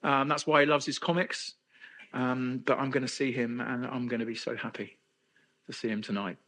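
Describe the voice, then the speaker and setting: Middle-aged english guy telling his story to a men's conference, candid and joking at himself, bright forceful voice. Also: mid-range voice, flat delivery, normal speed. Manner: candid, conversational, self-deprecating humor. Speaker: conference speaker. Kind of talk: personal testimony talk.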